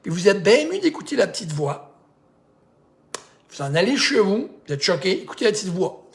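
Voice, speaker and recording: A man's voice: high voice, sing-song, normal speed, gravelly. A middle-aged man with a Québécois accent, a life coach giving a casual, rambling motivational talk that repeats itself and acts out bits of dialogue. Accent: Québécois French.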